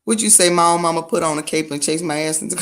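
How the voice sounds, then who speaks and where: A woman with a Southern US accent, hosting a casual livestream chat in a drawling, joking way. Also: on the low side. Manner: chatty, drawling, quick to joke. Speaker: livestream host.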